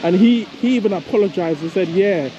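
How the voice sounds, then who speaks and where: A man's voice: a little high, measured pace, highs cut off. A man filming a casual travel vlog while walking city streets, chatty and rambling, often laughing at himself. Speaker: travel vlogger. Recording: outdoor street noise with passing traffic.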